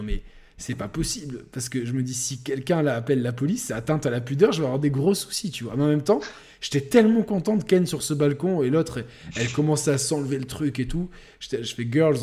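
A young man co-hosting a podcast, telling a crude story in a rambling, animated way with lots of fillers. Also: mid-range voice. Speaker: podcast co-host. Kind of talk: casual storytelling chat.

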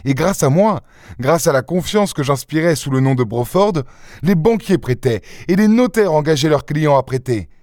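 Brief: a man voicing a proud gentleman burglar for a storybook, raised pitch, scornful and theatrical, dry close sound. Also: animated, normal speed, no room sound, lightly acted. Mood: mocking. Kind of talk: audiobook character reading.

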